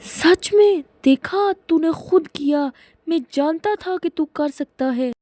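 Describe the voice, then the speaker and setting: A woman voicing a calm, principled schoolboy who talks earnestly, with a dry, close sound. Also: high-pitched, no echo, close to an everyday voice. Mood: proud.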